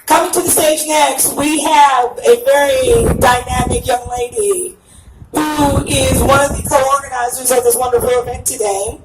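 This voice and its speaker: A woman's voice: high voice, fairly even intonation, a little slow. A woman emcee introduces speakers at a rally and rouses the crowd. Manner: encouraging, rousing the crowd. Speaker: event emcee. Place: outdoor rally stage. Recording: echoey, distant recording with faint music.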